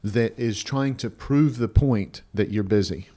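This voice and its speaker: This is a podcast co-host, a man in his fifties on an advice show, recorded close-up on a stand mic in a small indoor studio. His mellow voice sits on the low side and moves a little slowly. Blunt and emphatic, he repeats himself and checks in with "right?"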